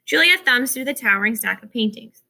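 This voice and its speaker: A woman narrating a children's audiobook in a steady, expressive way. Her voice is very bright and sits a little high, with a gravelly edge. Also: fairly quick. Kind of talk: scripted narration of a children's novel.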